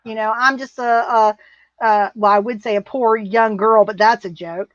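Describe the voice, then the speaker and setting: Blunt middle-aged lady rambling on a livestream, highish voice, dry dull audio. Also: steady tone, normal speed, no echo. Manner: blunt, rambling, laughs often. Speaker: livestream co-host reading viewer comments. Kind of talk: casual live chat. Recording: muffled, dry sound.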